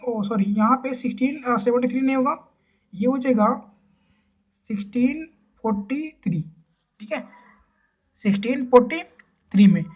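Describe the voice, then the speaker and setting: A woman teaching a quiz-style exam-prep lesson. She asks each question, then repeats the answer, with drawn-out fillers. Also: sits high, slightly rough. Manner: drawls and repeats words, frequent fillers.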